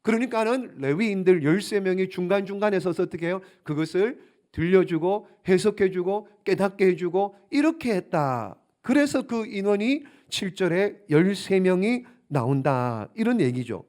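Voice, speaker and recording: Fervent high-voiced male pastor preaching. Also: expressive, moderate pace, darkish tone. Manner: asks the congregation many rhetorical questions; emphatic, grows more fervent and pleading. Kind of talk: sermon. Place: church sanctuary.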